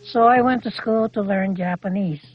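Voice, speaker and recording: Under background music, dull lo-fi audio carries an older speaker from Canada telling oral-history stories of childhood. The medium-pitched voice moves at a moderate pace, using short, plainspoken, reflective phrases to recall their life.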